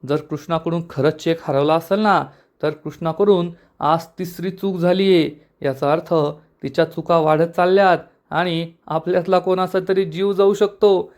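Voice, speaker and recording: A grave, superstitious elder, voiced by a man narrating. He hushes others and warns of danger. The voice is a moderately high male tone. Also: fairly even intonation, normal speed, few pauses, lightly acted. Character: worried older husband, superstitious elder.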